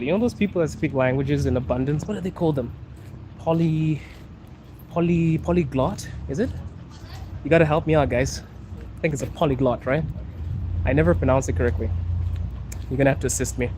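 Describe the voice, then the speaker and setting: This streamer and podcast host from Zimbabwe speaks in a slightly high voice at a normal speed, leaving long pauses. He chats on a walking live stream through city streets, reading viewer comments aloud amid the noisy rumble of traffic.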